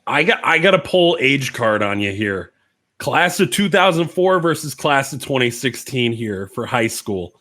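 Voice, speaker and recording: A man in his thirties from the American Midwest co-hosting a casual film review podcast, joking around and animated. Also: normal speed. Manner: animated, jokey, jumps to high pitch for emphasis. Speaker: podcast co-host.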